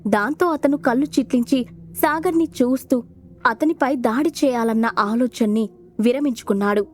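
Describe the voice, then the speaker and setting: A woman narrating an audio storybook in a steady, expressive reading. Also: a little high, moderate pace. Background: soft background music.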